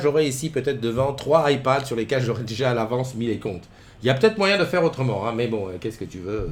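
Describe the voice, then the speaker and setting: A middle-aged man hosting a casual morning live stream from home, rambling with many fillers and greeting viewers by name at a desk mic. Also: fairly high pitch. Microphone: desk mic with webcams.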